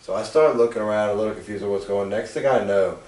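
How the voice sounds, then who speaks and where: Animated, cussing man host, echoey room. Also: fairly low pitch, quick pace. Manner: animated storyteller, acts out quotes loudly, swears casually. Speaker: podcast host. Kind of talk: casual chat, storytelling. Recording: echoey room, far from mic.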